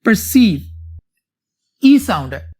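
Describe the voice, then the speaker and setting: A man's voice: high-pitched, very animated, drawn-out words, a little mellow, breathy edge. A male teacher giving a classroom vocabulary lecture, switching between Urdu and English and often checking that his students follow. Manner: checks understanding often, calls students "beta".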